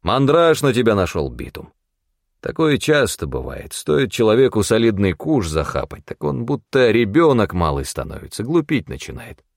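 A man's voice: lowish voice, big pitch swings, moderate pace, creaky, no echo, clean studio sound. A man voicing a wary, bossy old mentor who scolds in blunt, folksy talk. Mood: grumbling. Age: older.

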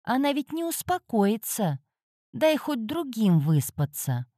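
A grumpy male talking cat familiar, put on by a woman reading, whining high and soft from under the covers. His voice sits lighter than the reader's own, with a mellow, dark tone and a dry, close sound. He grumbles and complains at every turn. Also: big pitch swings, slow pace, no room sound, full character voice. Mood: threatening.

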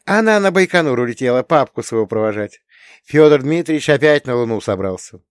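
A man voicing an affectionate, shy young wife who speaks softly and bashfully. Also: mid-range voice, animated, fairly quick, clean tone, dry recording, studio quality, voice pushed up, close to an everyday voice. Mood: playful. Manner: soft, bashful.

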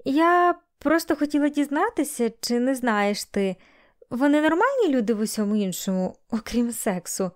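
A woman's voice: high-pitched, big pitch swings, normal speed, voice pushed up. A woman reading the lines of an anxious, earnest young woman who talks hesitantly.

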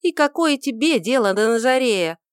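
A woman voicing a proud, quick-tempered young beauty who talks in a mocking, defiant way, on a dry recording. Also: fairly high pitch, expressive, clear, resonant tone, dry recording, voice pushed up, lightly acted. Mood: scornful.

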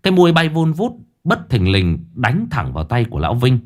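A man's voice: mid-range voice, huge pitch swings, fairly quick. A man narrating a ghost story in a dramatic, action-filled telling.

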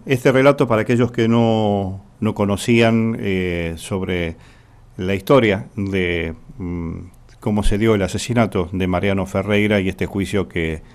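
A man with an Argentine accent hosting a radio talk show, unhurried and searching for words with frequent fillers. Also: low-pitched, a little mellow. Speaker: radio host.

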